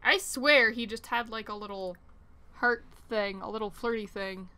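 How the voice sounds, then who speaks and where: Bright-voiced young woman narrating gameplay. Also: fairly high pitch, moderate pace, clear, resonant tone. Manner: chatty, rambling, reacts with surprise. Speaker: let's play host. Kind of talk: casual gameplay commentary.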